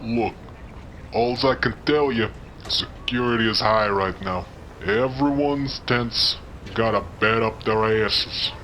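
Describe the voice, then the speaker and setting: A man's voice: lowish voice, slow pace, bright, forceful tone, slight background noise. Man playing a chatty wise-guy doorman. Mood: evasive, rambling. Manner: slangy, rambling wise-guy talk. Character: chummy, chatty male street-tough doorman, dim but friendly. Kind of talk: noir audio drama acting.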